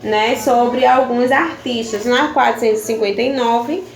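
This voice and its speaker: Unhurried and fairly even in intonation, a Brazilian woman with a fairly high voice patiently goes over primary-school workbook pages in a video lesson and checks in with her pupils after each point. Soft music plays behind her in an echoey room with faint background noise.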